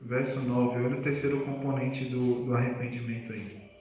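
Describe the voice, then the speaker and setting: A man's voice: medium pitch, level tone, moderate pace, a little mellow. A male preacher giving a conversational sermon, quizzing his congregation. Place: church congregation hall. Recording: echoey room, voice far from mic.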